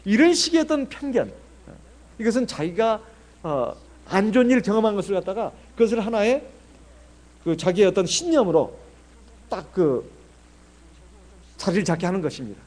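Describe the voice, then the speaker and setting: A man's voice: high voice, big pitch swings, normal speed, pauses often, darkish tone. A middle-aged man from Jeolla preaching a sermon as pastor, chatty and full of rhetorical questions. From Jeolla, South Korea.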